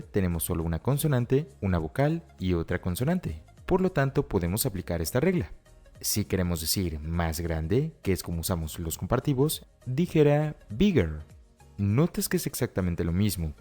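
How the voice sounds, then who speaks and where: A man explaining grammar rules step by step as a teacher, reading example phrases slowly and carefully. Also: low voice. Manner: explains step by step, often repeating "si observaste bien" and "por lo tanto". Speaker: English teacher. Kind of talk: scripted Spanish-language grammar lesson. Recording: soft music underneath.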